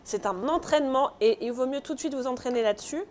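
A woman runs a live pastry class from a kitchen, her voice on the higher side. She talks casually, tosses jokes to viewers and keeps asking "ok?". Faint background noise sits under her voice. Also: quick pace, darkish tone. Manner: chatty, joking asides to viewers; often checks with "ok?". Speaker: pastry instructor. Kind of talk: live online baking class.

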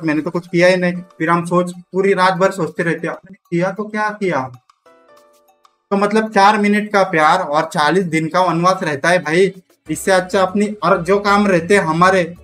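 A man's voice: high voice, a bit bright. Joking streamer guy. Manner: joking, rambling, reads out donations. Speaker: live streamer. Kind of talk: casual live-stream chat.

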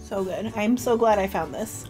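A woman's voice: medium pitch, moderate pace, mellow, soft background music. A young woman vlogging casually to camera, chatty and full of "like", emotional and close to tears. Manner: chatty, with filler "like" and self-corrections. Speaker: beauty vlogger.

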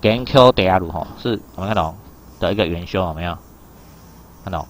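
A man's voice: deep voice, brisk, slight background noise. A man teaching an exam reading lesson, explaining in a loose chatty way and keeping asking his students whether they follow. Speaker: Japanese teacher.

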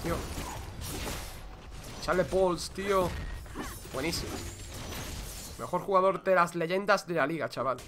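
Excitable young gamer, high voice. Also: male voice, a little slow, long pauses, background noise. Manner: excitable, swears, says "tío" constantly. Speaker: gaming streamer. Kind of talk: casual gameplay commentary.

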